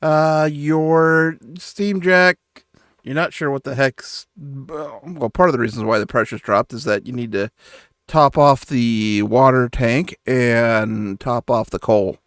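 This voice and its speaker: A man's voice: medium pitch, slow pace, a bit bright, smooth, dry recording, studio quality. A man running a tabletop game as game master, narrating scenes and calling for rolls in a laid-back way over an online voice call.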